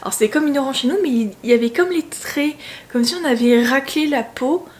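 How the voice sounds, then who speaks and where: Chatty young woman, fairly high voice. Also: a little fast. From France. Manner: chatty, animated storytelling, playful asides. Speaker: travel vlogger. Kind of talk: casual vlog chat.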